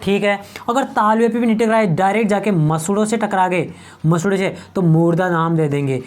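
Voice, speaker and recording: A man from Rajasthan teaching an exam-prep grammar lesson at a board. He asks the class questions, answers them himself, and repeats key terms slowly. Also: high-pitched. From Rajasthan, India. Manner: slow, drawn-out drilling of words.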